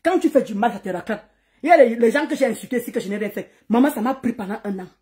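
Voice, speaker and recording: A woman's voice: on the high side, animated, racing, mellow. A woman on a live stream, ranting and taunting someone with insults, repeating words as she goes. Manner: insulting, taunting, swings to laughing greetings. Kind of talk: heated live-stream rant.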